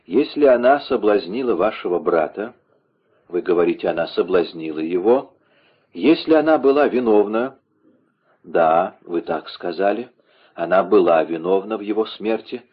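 A man's voice: sits low, lively intonation, normal speed, husky. A man voicing a vengeful young man disguised as a monk, stern and demanding. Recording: dull lo-fi recording.

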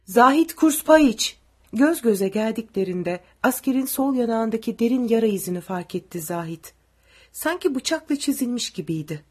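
A woman reads a dark story aloud in a steady, dramatic way. Her voice is husky and sits fairly high. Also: moderate pace. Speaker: narrator. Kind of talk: audiobook narration.

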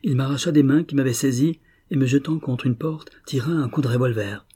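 Husky, dark-voiced male narrator. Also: mid-range voice. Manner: steady, measured storytelling. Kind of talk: audiobook narration.

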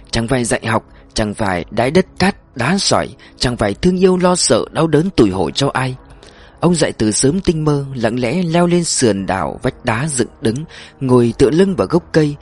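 A man narrating a story in a measured audiobook style, slowing down for emphasis. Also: medium pitch, darkish tone, slightly rough.

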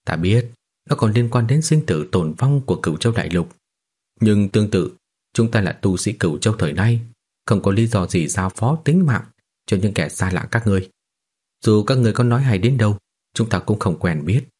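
A shrewd cultivator master who keeps his cool and argues his case step by step, voiced by a male narrator. His voice is low and slightly husky. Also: animated, moderate pace, a little mellow. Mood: calm.

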